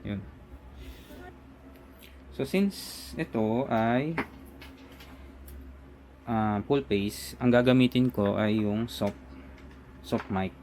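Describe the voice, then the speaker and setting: In a casual unboxing and installation walkthrough, a Filipino reviewer informally narrates each hands-on step. He has a medium-pitched, slightly mellow voice, draws out his words and takes long pauses. Music sits underneath, along with a little hiss or hum.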